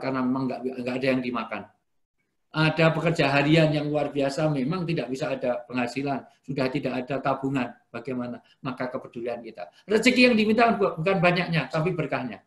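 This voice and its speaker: Animated male preacher in an echoey room. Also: on the high side. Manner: animated, swinging between loud and soft. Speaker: Islamic preacher. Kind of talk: sermon for an online gathering. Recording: roomy echo.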